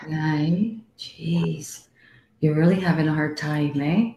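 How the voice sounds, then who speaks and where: A woman's voice: deep voice, steady tone, slow pace, vocal fry, mellow. A woman in her fifties, a medium hosting a live stream, talking bluntly with swearing and calling her guest sweetie. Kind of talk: casual live-stream chat. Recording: roomy echo.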